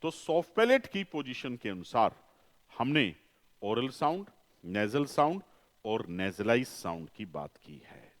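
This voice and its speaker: In an echoey room with a long reverb, a male phonetics teacher lectures to a class in a sing-song, mid-range voice. He poses questions and answers them himself, repeats key terms, and slows down when he wants emphasis.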